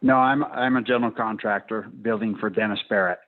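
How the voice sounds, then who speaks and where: Sex: man. Role: general contractor. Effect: heard over a phone line. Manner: quick, matter-of-fact. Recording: tinny phone line. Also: fairly low pitch, steady tone.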